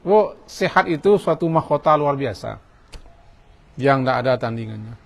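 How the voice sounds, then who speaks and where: A man preaching a sermon in a mosque, lively, switching between quiet stretches and loud acted-out voices. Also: medium pitch, moderate pace, creaky.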